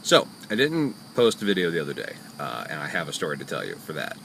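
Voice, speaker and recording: A man's voice: very deep voice, huge pitch swings, fast, gravelly, fairly bright tone, slight background noise. A man, a taxi driver, telling stories in a chatty, jokey, rambling way from his parked cab. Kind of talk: casual storytelling vlog. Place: parked taxi in a parking lot.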